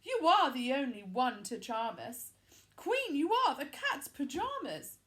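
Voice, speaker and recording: A magic talking mirror, played by a woman, makes slow, booming pronouncements from its frame. Its grand voice rises and falls with storybook drama. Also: huge pitch swings, a bit bright, exaggerated voice.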